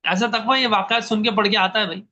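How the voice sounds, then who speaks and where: High bright-voiced man teaching scripture. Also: steady tone. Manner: earnest, questions the class directly. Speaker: Quran commentary teacher. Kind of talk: religious class lecture, storytelling.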